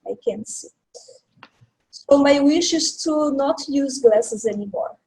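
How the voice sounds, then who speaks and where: Brazilian woman in her 40s on a video call, slow and halting, kinda high voice. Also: gravelly, poor audio. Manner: slow, halting, with soft laughs. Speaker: caller, healing instructor.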